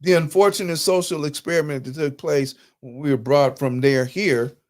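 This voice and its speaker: A man's voice: on the high side, steady tone, normal speed. A man hosting a live talk, lecturing over slides in a conversational, emphatic way, with speech. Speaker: host.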